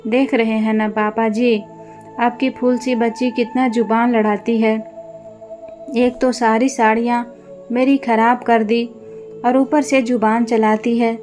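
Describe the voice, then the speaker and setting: A woman's voice: fairly high pitch, flat delivery, unhurried, a little mellow, lightly acted. A woman voicing a harsh, scornful young wife who bullies her in-laws, with faint music behind. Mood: scolding. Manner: scolding, taunting.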